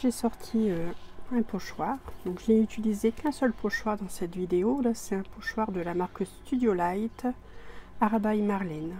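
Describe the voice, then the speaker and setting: Slow hesitant woman. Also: medium pitch, mellow, slight background noise. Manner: hesitant, many fillers and restarts while working. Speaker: crafting tutorial presenter. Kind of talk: hesitant step-by-step craft demonstration.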